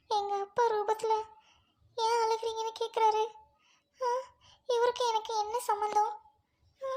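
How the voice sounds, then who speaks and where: A lonely orphaned young woman, always on the edge of tears, as a woman acts her out. The voice is extremely high and flat in its rise and fall, with a sobbing, pleading manner in an amateur dialogue drama.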